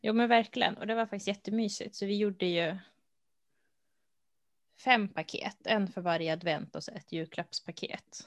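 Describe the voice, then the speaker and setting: A woman co-hosting a casual chat, speaking in a relaxed, thoughtful way with hesitant fillers. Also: mid-range voice, no echo. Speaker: podcast co-host. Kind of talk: casual chat about knitting.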